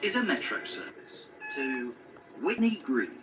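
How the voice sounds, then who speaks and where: A man voicing an automated onboard train announcement, formal and measured. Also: medium pitch, big pitch swings, distant mic, music in the background. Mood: announcing. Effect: onboard train announcement over a speaker.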